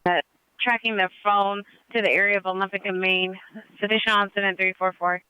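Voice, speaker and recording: A man dispatching over a police radio transmission, his voice pitched high and rattling off codes at speed. The tone is bright and the delivery clean and dry, each call clipped short. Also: little pitch movement, fairly quick, clear, resonant tone, no room sound, highs cut off. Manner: terse, clipped code reading.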